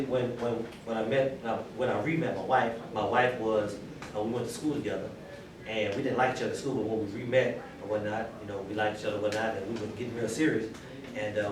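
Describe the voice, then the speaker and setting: A male teacher with a Southern US accent talks to a class in a conversational storytelling way. He sounds distant in a very echoey room with clear background noise. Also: mid-range voice. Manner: conversational storytelling, checks in with listeners. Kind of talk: informal classroom talk. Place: indoor classroom.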